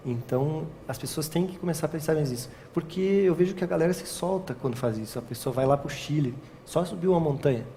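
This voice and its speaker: A man's voice: fairly high pitch, fast, hardly any pauses, warm tone. A young man, a wedding photographer giving a casual interview, rambling and tagging his sentences with questions. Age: young adult. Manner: rambling, frequent "sabe?" tags, restarts. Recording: long reverb, faint ambient noise.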